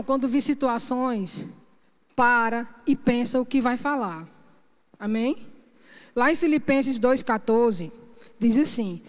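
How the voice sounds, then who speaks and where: A woman minister preaches with emphasis and checks in with her congregation again and again. Her voice sits high. It trails off into the long reverb of a church sanctuary. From Brazil. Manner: emphatic preaching, punctuated with frequent "Amém?". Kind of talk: sermon.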